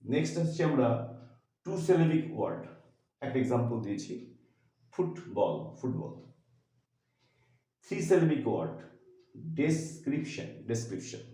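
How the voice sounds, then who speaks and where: Bengali guy teaching english grammar, halting and slow, dark voice, really echoey room. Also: mid-range voice, big pitch swings. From India. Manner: slow, halting explanation, slows further when reading English. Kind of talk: lesson.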